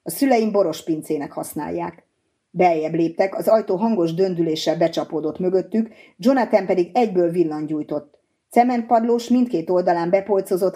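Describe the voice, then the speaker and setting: A woman narrating an audiobook in an even, measured reading. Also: fairly low pitch, husky.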